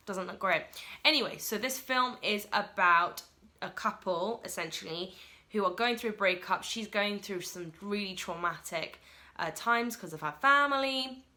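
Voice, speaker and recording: A woman giving a casual solo film review in a rushed, chatty way, full of fillers like "like" and "uh". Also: mid-range voice, sharp tone.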